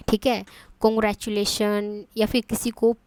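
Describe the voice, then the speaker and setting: A woman's voice: medium pitch, little pitch movement, measured pace, darkish tone, no echo. A woman teaching an online English grammar lesson, explaining step by step and checking in with her students often.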